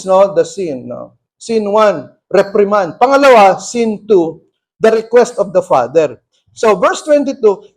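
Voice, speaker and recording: A male pastor preaching a sermon, telling a story with acted-out dialogue and mixing in English phrases. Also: high voice. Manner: animated storyteller, acts out dialogue, mixes in English.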